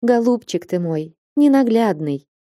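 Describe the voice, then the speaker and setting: Audiobook role: passionate young village woman, proud and jealous, pitched up and stern, read by a woman. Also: lively intonation, unhurried, mellow, no room sound, studio quality. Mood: pleading. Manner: tearful pleading turning to fierce scolding.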